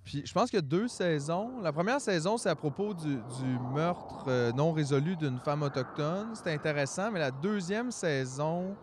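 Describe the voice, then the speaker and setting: A man's voice: on the high side, normal speed, hardly any pauses, noisy background. Earnest Québécois man in his forties. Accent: Québécois French. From Quebec, Canada. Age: 40s. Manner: earnest, rambling storyteller. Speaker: podcast co-host. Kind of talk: casual chat.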